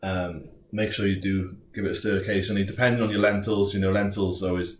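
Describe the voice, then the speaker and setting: Speaking quickly in a low, steady voice, this British man presents a recipe as a laid-back home cook, joking and chatting as if filming a casual tutorial. The audio is roomy and distant, with a little background noise.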